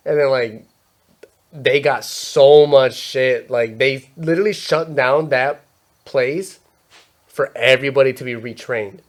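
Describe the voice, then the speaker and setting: A man's voice: medium pitch, unhurried. Rambling young man telling stories. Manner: rambling storyteller, swears often, acts out quotes. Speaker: podcast host. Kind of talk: casual podcast chat.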